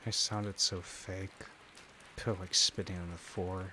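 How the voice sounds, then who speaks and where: Very low-voiced man narrating a game. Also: level tone, a little slow, bright, forceful tone, slight background noise, low-quality recording. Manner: sweary, informal asides. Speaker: let's play host. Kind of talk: reading visual novel text aloud with casual commentary.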